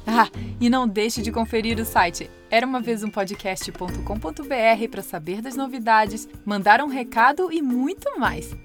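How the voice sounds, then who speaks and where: A woman with a Brazilian Portuguese accent narrating a children's story as host of a story podcast, in a lively, expressive way. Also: on the high side, normal speed, hardly any pauses, over music. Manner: lively, expressive, warm-hearted.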